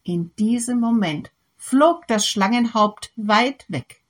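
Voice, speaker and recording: A woman reading a fairy tale aloud in slow, lilting storybook narration. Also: fairly high pitch, animated.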